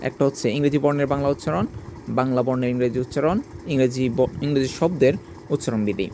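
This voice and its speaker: A man's voice: mid-range voice, fast, a little mellow, a little hiss or hum. A man teaching English, working through a pronunciation lesson in a methodical, letter-by-letter way.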